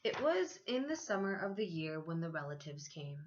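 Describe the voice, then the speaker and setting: A female teacher reads a children's picture book aloud, her storytelling measured and expressive as she draws out key phrases. Her voice sits fairly low. The audio is dull, with a noisy background.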